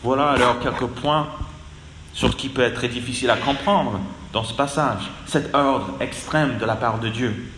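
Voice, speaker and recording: Guy giving a sermon, slow and earnest, boomy roomy church sound, faint background hum. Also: a bit bright. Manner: slow, earnest, voice dropping at phrase ends. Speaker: preacher. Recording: echoey hall with long reverb.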